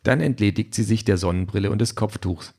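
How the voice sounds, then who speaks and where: A man's voice: on the low side, brisk, warm tone, slightly rough. A man reading an audiobook chapter aloud in a dry, wry storytelling manner. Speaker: audiobook narrator. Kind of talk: scripted narration.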